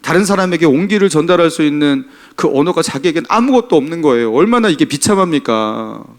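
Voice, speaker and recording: Animated man preaching a Sunday sermon. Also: a little high, quick pace. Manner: animated preaching, rhetorical questions to the congregation. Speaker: pastor. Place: church sanctuary.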